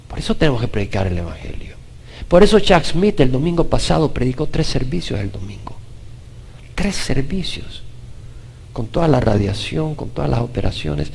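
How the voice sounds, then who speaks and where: Latin american pastor guy preaching bible study, gravelly voice, pitch jumps all over, asks you stuff directly. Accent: Latin American Spanish. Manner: emphatic, asks the listener questions directly; swings from loud declarations to low, quiet asides.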